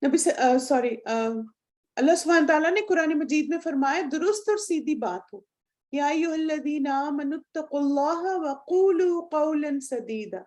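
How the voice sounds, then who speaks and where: A woman with a high voice teaching a religious lesson. She talks earnestly and instructively, puts questions to her listeners, and slips English words into her speech. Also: a little mellow. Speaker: Quran course teacher.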